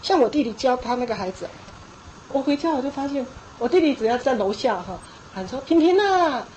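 A middle-aged woman delivers a sermon in a high voice. She talks emphatically, repeats her points and acts out scolding scenes as she goes. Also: a little fast, warm tone, slight background noise, poor audio. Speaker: preacher. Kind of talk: sermon on parenting.

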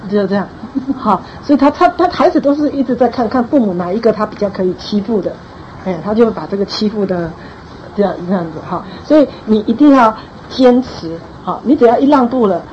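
A woman's voice: mid-range voice, a little hiss or hum. A woman pastor advising a church group on raising children, speaking firmly and repeating her key points for emphasis. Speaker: pastor giving parenting advice. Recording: dull lo-fi recording, faint ambience.

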